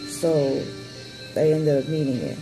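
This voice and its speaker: A woman's voice: low-pitched, animated, unhurried, music in the background, low-quality recording. A woman in her thirties giving a personal update in casual chat, candid and blunt, rambling and swearing freely. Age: 30s. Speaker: vlogger giving a surgery update.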